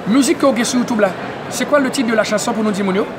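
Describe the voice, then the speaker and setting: A man who interviews at an event, excitable and tagging nearly every phrase with "hein?". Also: very high-pitched, racing. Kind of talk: casual community media interview. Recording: noisy crowded public event. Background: crowd chatter.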